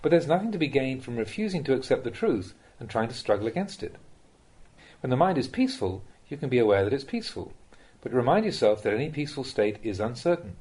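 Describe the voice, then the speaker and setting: A man with a slightly husky, somewhat mellow voice at medium pitch reads a Buddhist Dhamma talk as a monk. His delivery is measured and instructive, speaking straight to the listener.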